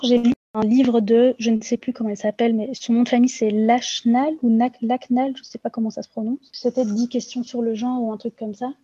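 A woman's voice: a little high, dark tone, slightly rough, no room sound, highs cut off. A woman testifying anonymously in an interview, talking earnestly with frequent hesitations and fillers. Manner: hesitant, many fillers and restarts.

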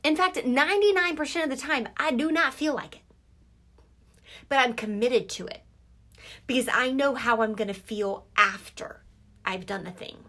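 A young woman with a fairly high voice talks as a podcast host and coach. Her delivery is informal and emphatic, with repeated phrases to press each point. It is a casual motivational talk recorded alone in a closet. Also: moderate pace, pauses often, pushed and bright.

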